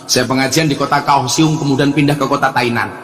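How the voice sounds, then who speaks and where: Bright-voiced Javanese man preaching in an echoey hall. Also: mid-range voice, fairly even intonation, a little fast. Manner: jokey storytelling, acts out dialogue, breaks into song. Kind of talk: humorous religious lecture. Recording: echoey hall with music behind.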